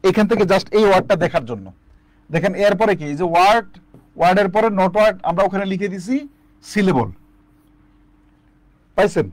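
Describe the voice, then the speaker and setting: A man's voice: high-pitched, normal speed, pauses often, no room sound. Man, English teacher, question-and-repeat drilling, dry close sound. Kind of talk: online lecture.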